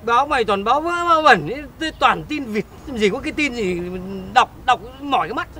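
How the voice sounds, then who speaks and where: Actor doing a brusque villager, fast talk, faint street noise. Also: male voice, very high-pitched, expressive, sharp tone, exaggerated voice. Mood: scoffing. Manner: brusque, scoffing. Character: grumpy village man, dismissive.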